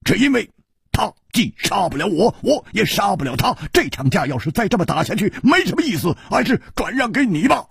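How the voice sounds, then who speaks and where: A man voicing a cold, terse young swordsman-assassin in a storytelling reading, clipped and flat in attitude. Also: high-pitched, moderate pace, slightly rough, no echo, studio quality, voice pushed up, exaggerated voice.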